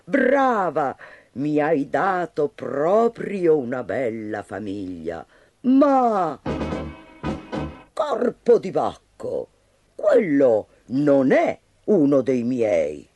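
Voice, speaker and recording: A man's voice: mid-range voice, wildly swooping pitch, extremely slow, a little mellow, soft background music, full character voice. A man voicing a proud, pompous father drake in a storybook, speaking boastfully and bluntly. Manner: boastful, then blunt and dismissive.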